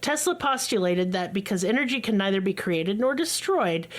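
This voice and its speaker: A woman hosting a podcast, telling a story in casual chat, blunt and excitable, with swearing. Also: medium pitch, moderate pace. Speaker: podcast co-host.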